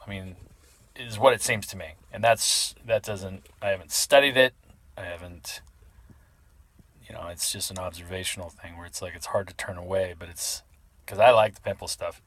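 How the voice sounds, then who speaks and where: A man's voice: sits low, moderate pace, fairly bright tone. A man talking casually in a rambling vlog style, sneezing between remarks. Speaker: video creator.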